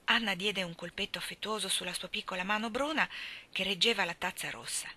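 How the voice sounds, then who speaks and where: Bright-voiced woman reading a storybook aloud. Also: mid-range voice, brisk. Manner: expressive, lightly voicing each character. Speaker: audiobook reader. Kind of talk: storybook narration with character voices.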